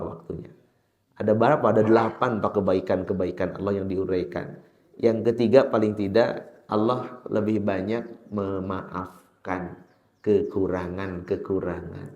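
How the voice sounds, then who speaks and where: A man with a Sundanese accent preaching a sermon in a mosque, telling a story with sudden high, loud outbursts and chanting verses slowly. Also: dull audio. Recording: echoey mosque hall.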